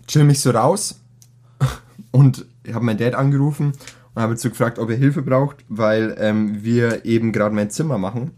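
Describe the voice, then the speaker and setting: A teenage boy chatting casually as a podcast co-host, telling a school story in slangy, animated fashion. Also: mid-range voice, normal speed. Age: teens. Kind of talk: casual chat.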